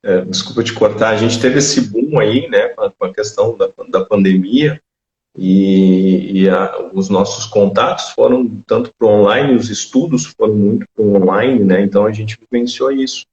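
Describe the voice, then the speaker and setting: Man hosting an interview, rambling conversational delivery, lower voice, dull audio. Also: moderate pace, darkish tone. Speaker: interview host. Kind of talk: casual interview chat. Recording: dull, echoey remote audio.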